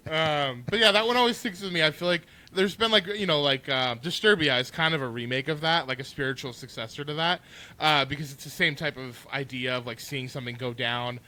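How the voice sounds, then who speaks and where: Thirties guy, bright kinda high voice, rambly podcast chat, lots of likes and ums. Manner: rambling, heavy use of "like" and "um", quick to laugh. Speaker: podcast co-host. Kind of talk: casual chat.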